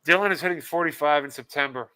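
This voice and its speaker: Male host, casual livestream chat, chuckling, reads comments aloud, slightly high, smooth tone. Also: fast, sharp tone. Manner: laughs often, reads viewer comments aloud. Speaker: podcast host.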